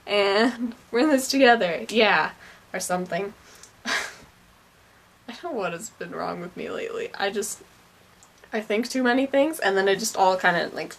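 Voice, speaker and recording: A teenage girl vlogs casually, first in a car while driving and then in a bedroom, rambling self-consciously with plenty of fillers and giggles. Her voice is on the high side, with slight background noise.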